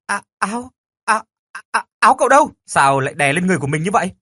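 A man voicing a bossy teenage girl who squeals and scolds in sudden outbursts, in a husky falsetto. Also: very fast, sharp tone, no echo, studio quality. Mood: shrieking. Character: shrill bossy teenage girl, quick to shout.

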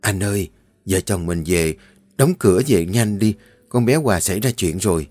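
Man doing a hushed, guilt-ridden mother. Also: lively intonation, moderate pace, breathy edge, no echo. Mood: worried. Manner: hushed, low, confessional. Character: worried, guilt-ridden middle-aged mother Thoa. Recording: dry close voice, faint music.

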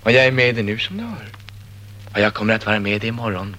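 A man's voice: fairly low pitch, expressive, bright, forceful tone. An actor playing a relentless male inner voice, an insistent optimist, in a radio play. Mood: exultant. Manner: insistent, rising to ecstatic declarations.

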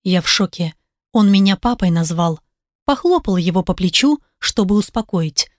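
A woman reading a first-person story aloud as an audiobook, lively and expressive, voicing the other characters as she goes. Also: mid-range voice, normal speed, no room sound, clean studio sound. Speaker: audiobook narrator.

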